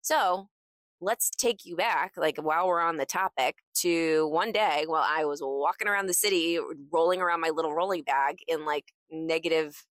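A woman with a fairly deep voice hosts a casual motivational podcast. She is chatty and emphatic, recorded close and very dry inside a closet. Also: normal speed, a bit bright, no echo. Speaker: podcast host. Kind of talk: casual solo podcast talk.

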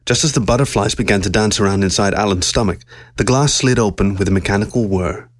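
Low-voiced man reading a story. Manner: steady, measured storytelling. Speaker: narrator. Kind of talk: audiobook reading of a science-fiction story.

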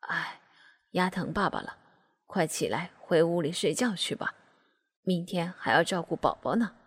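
A stammering middle-aged father, flustered and hesitant, as a woman puts him on. The voice sits low and swings widely in pitch, with a husky, breathy edge. It trails off into a long echo. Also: expressive, normal speed. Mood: embarrassed.

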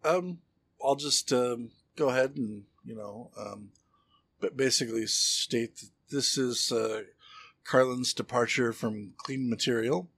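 A husky, slightly rough-voiced man co-hosts a comedy podcast in a loose, chatty way. He stretches his jokes out, stalling on fillers and restarting his sentences as he goes. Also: mid-range voice, a little slow, a bit bright. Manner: rambling joke-telling with many fillers and restarts. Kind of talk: casual comedy podcast chat.

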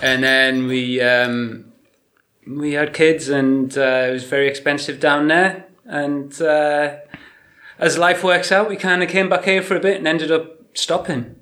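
A man's voice: fairly high pitch, steady tone, measured pace, bright, forceful tone. A man with a County Durham accent chatting casually as an interview guest, informal and a little hesitant, trailing off at times. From County Durham, north-east England. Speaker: podcast guest, mural artist.

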